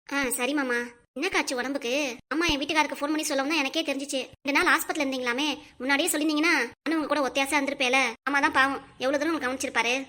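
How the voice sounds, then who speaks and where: A woman voicing a caring younger sister-in-law in a cartoon, loud and fussing with concern. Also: sits high, steady tone, very fast.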